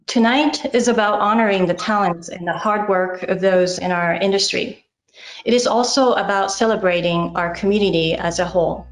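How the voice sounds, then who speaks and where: A middle-aged woman from Japan with a Japanese accent and Japanese as her first language, giving a measured, earnest acceptance speech as incoming chapter president, with small hesitations. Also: medium pitch, roomy sound, poor audio.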